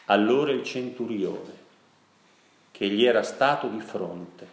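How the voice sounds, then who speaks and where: A priest giving a sermon, telling a story and putting questions to his listeners, often slowing down for emphasis. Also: fairly low pitch, vocal fry, reverberant. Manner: storytelling, asks the audience questions, slows down for emphasis.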